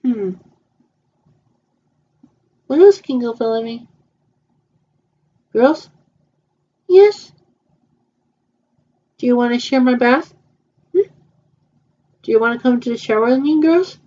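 A woman in her twenties performs improvised fan roleplay dialogue in a fairly high, mellow voice with lively intonation. She's halting and unsure, stopping, repeating, and filling gaps as she goes. The recording is muffled and lo-fi, much like an inexpensive home setup.

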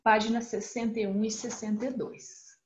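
A woman's voice: on the high side, fairly even intonation, normal speed, noisy background. A woman with a Brazilian Portuguese accent teaching a recorded online class to young children, explaining each exercise patiently and step by step. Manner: affectionate, calls the class "turminha". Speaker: primary school teacher. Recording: dull lo-fi recording.

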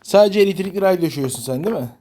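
A man's voice: high-pitched, lively intonation, very fast, noisy background. A man talking casually as a father playing a video game with his child, cooperative and often checking with questions. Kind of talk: casual gameplay chat.

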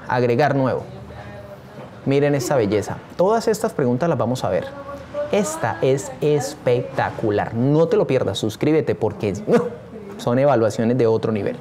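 A man's voice: mid-range voice, animated, brisk, mellow. A man teaching a screen-share tutorial, talking eagerly and straight to his viewers. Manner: enthusiastic, addresses viewers directly.

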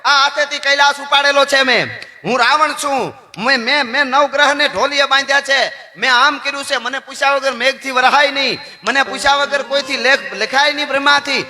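A man's voice: very high-pitched, steady tone, fairly quick, pushed and bright, in a large hall, pitched above the performer's own voice, exaggerated voice. A man voicing a boastful, arrogant male demon king who brags and declaims. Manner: bragging, declaiming.

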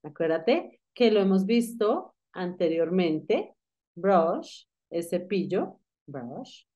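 A woman's voice: lowish voice, big pitch swings, slow, warm tone. A woman teaching an English grammar lesson, explaining patiently and asking the student questions as she goes. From Colombia.

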